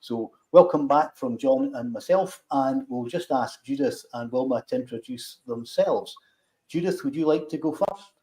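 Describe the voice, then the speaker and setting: A man's voice: mid-range voice, normal speed, mellow, roomy sound, poor audio. A man hosting a show in a casual, conversational style. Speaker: host.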